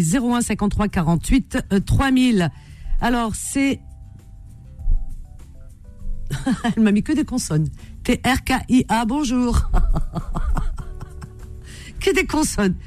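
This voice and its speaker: A woman hosting a call-in classifieds radio show, chatty and warm, reading out listings and phone numbers. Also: on the high side, lively intonation, normal speed, pauses often, soft background music. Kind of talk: live call-in radio chat.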